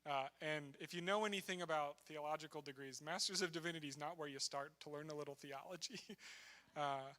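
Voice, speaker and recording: Bright-voiced man, church missionary talk. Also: a little high, brisk. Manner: conversational, self-deprecating, with fillers. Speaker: missionary speaker. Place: church sanctuary.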